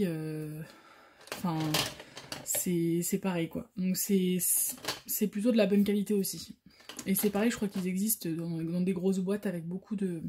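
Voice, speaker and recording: Woman, quiet hushed talk, hesitant fillers, dark mellow tone, casual craft vlog. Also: fairly low pitch, slight background noise. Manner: speaks softly, sometimes whispering, so her baby keeps sleeping; hesitant, many fillers and restarts. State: out of breath. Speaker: coloring channel host. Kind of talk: casual show-and-tell vlog.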